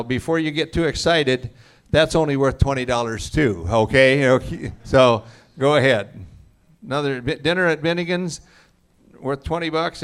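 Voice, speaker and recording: A man hosting a class auction, calling out prize winners and joking with the crowd in a booming voice. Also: a bit bright. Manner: jokey, booming crowd address. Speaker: auction host. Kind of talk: live event emcee.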